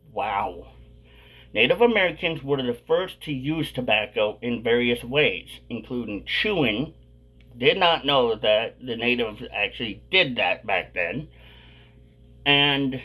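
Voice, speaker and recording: A man's voice: medium pitch, bright, forceful tone. A man hosting a casual vlog, talking with a dip of chewing tobacco tucked in his lip. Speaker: video host.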